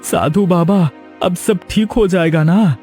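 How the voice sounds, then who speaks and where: A man's voice: high voice, measured pace, darkish tone, soft background music, pitched above the performer's own voice. A man voicing an anxious young husband in a cartoon, pleading and eager to please. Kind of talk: cartoon voice acting.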